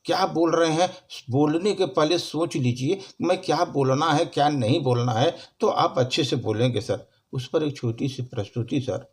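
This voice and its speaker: A man with a high voice recites a short poem in a slow, deliberate way. He repeats each line with emphasis and keeps addressing his listener as sir. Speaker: poetry reciter. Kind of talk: recited Hindi poetry with spoken introduction.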